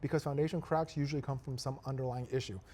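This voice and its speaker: A man's voice: mid-range voice, fairly even intonation, fast, mellow, breathy edge. A man, a real estate investor, talking emphatically in a casual podcast conversation, repeating his points for effect.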